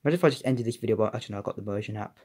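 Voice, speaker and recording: A young man chatting casually as he reviews a collectible figure, excitable and rambling with frequent restarts. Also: on the low side, racing, husky. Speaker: toy reviewer. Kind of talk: casual unboxing vlog.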